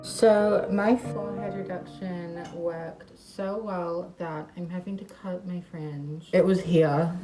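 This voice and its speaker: A young woman with a slight lisp talks through her vlog in a chatty, self-mocking way. Her voice sits a little low for a woman. Music plays clearly behind her. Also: steady tone, takes it slowly, roomy sound, poor audio. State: slight lisp after surgery. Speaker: vlogger. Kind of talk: casual vlog narration.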